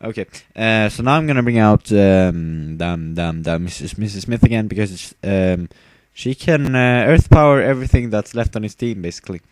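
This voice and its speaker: Young man, low-pitched, tired, giggly, rambling game commentary, dry close sound. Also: normal speed, few pauses, no room sound. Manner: rambling, giggly, trails off with fillers. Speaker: gamer narrating his battle.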